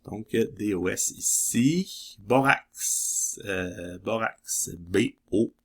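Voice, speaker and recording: A man's voice: fairly low pitch, very slow, fairly bright tone, breathy edge. A man with a Québécois French accent chatting casually as he scratches lottery tickets, reading letters aloud and laughing often.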